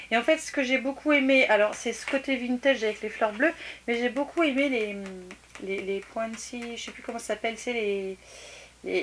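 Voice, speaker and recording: A woman's voice: a little high, fairly bright tone, slight background noise. A woman vlogger chatting casually about a shopping haul, often restarting her sentences and laughing at herself.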